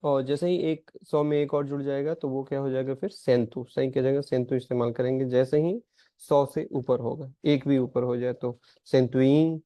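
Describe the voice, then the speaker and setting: A man giving a recorded language lesson, explaining in Hindi and reading out Portuguese examples slowly. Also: mid-range voice, steady tone, mellow, no echo. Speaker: language teacher. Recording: dry, slightly dull lo-fi sound.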